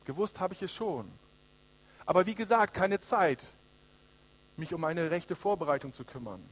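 A man voicing an old dying king who is weary and regretful, speaking low and quietly. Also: expressive, normal speed. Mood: sorrowful. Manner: low, quiet, sorrowful delivery.

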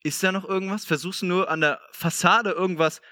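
A man's voice: high-pitched, steady tone, fairly quick, sharp tone, no room sound. Young man, casual sermon, slangy, upbeat, says "hey" a lot, dry close sound. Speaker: preacher.

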